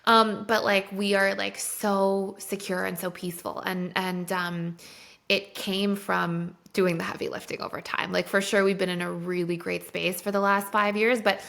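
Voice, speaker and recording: Female interview guest, conversational and candid, with a creaky edge to her voice. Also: medium pitch, level tone, normal speed, a bit bright. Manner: candid personal storytelling, heavy use of "like". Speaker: guest, personal development expert. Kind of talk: casual podcast conversation.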